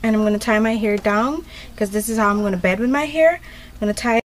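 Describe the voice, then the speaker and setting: A woman's voice: mid-range voice, quick pace. A woman vlogger talking casually through a hair tutorial, rambling with lots of fillers. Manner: chatty and rambling, many fillers. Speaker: beauty vlogger.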